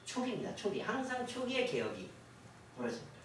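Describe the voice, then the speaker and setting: A man's voice: extremely high pitch, huge pitch swings, a little fast, a bit bright. A man giving a history lecture to a class, putting questions to the audience and acting out the officials he quotes. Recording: echoey hall, voice from far off, faint hiss.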